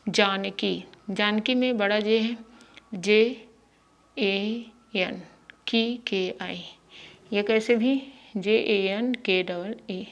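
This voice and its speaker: Slow, careful woman spelling names. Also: medium pitch, steady tone, muffled recording. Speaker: teacher. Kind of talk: spelling lesson.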